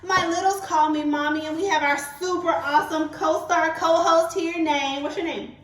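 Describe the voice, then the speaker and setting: A woman hosting an educational kids' demonstration, talking in an excited, encouraging way to a young child, with exclamations. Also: very high-pitched, moderate pace. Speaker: host of a family kids' science show. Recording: echoey room.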